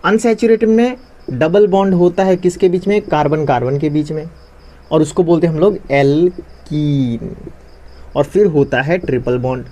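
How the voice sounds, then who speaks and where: A man's voice: on the high side, fairly quick, warm tone. A young man teaching a lesson in a conversational, classroom style. He asks questions and answers them himself, repeating the key terms.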